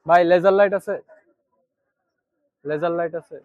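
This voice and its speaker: A man's voice: high voice, steady tone, moderate pace, darkish tone, no room sound, faint music behind. Chatty young man vlogging on the street. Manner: chatty, many fillers, talks to the viewer. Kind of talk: casual walking vlog. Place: city streets and shops, outdoors. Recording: dry and slightly dull.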